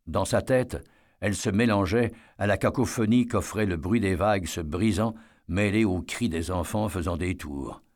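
A man reading a novel aloud as an audiobook narrator, in a measured storytelling way. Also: deep voice, darkish tone. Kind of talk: scripted narration.

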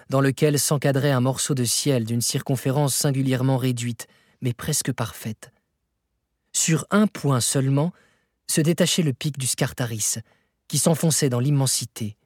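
A man narrates a novel as an audiobook, measured and expressive, his pitch climbing at dramatic moments. His voice has a breathy edge, and the recording is dry and studio quality.

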